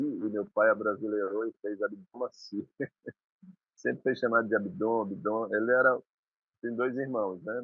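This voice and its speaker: A man's voice: fairly low pitch, no room sound. Guy in his 50s rambling thru old memories, dry tinny phone sound. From Maranhão, Brazil. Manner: rambling, reminiscing, with restarts. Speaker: guest musician. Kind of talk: conversational storytelling.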